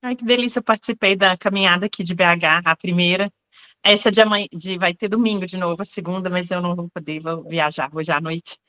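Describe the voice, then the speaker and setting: A woman's voice: lowish voice, steady tone, brisk, sharp tone, highs cut off. A Brazilian woman taking part in a book club, chatting enthusiastically and searching for her words. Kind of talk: casual chat.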